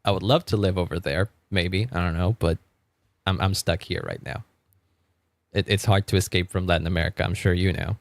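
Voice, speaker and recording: Brisk and low-pitched with fairly even intonation, this Argentine man chats in Spanish on his music live stream. He wanders off topic, stumbles and repeats words, and laughs frequently. The recording is dry.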